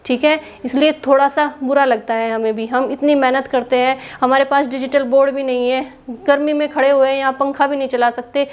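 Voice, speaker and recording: A woman's voice: high voice, flat delivery, brisk. A woman teaching an exam-prep lesson, asking a question and answering it herself, standing in a small room. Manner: repeats questions and answers for drilling. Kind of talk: classroom lesson. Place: hot room without a fan, standing.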